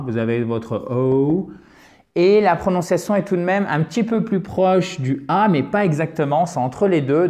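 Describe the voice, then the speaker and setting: A man's voice: on the high side, darkish tone. Chatty, playful French teacher, man. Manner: chatty, playful, self-correcting, mock-exaggerates a French accent. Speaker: English pronunciation teacher. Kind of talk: lively video lesson.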